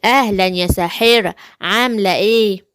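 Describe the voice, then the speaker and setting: A woman's voice: mid-range voice, a little fast, fairly bright tone, clean tone, no echo, studio quality, close to an everyday voice. A woman with an Egyptian accent voicing a greedy male sorcerer, in a home-made children's story play. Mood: scheming. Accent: Egyptian Arabic. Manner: greedy, gloating. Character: scheming greedy male sorcerer who wants to eat smurfs.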